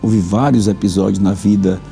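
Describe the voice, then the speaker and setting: A man's voice: lowish voice, fairly even intonation, moderate pace, creaky, warm tone, soft background music. A man hosting a religious talk program as pastor, preaching fervently and repeating phrases for emphasis.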